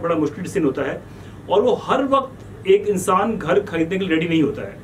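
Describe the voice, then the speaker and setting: A man's voice: high-pitched, a little mellow, far from the mic, rough recording. Man, host, earnest advisory tone, faint background noise. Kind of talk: panel discussion wrap-up.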